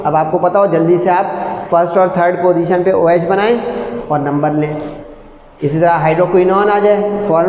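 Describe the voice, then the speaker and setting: A man's voice: high-pitched, darkish tone. A male chemistry teacher with a Pakistani Urdu accent, lecturing a class, explaining step by step and repeating key terms. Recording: roomy echo, long reverb, faint hum.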